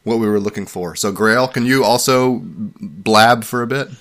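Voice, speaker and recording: Male podcast host, low voice, chatty and self-deprecating, casual chat. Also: moderate pace, a bit bright.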